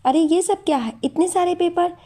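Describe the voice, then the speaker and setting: A woman voicing a caring young woman of the household in a story, speaking gently and affectionately. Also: extremely high pitch, normal speed, voice pushed up.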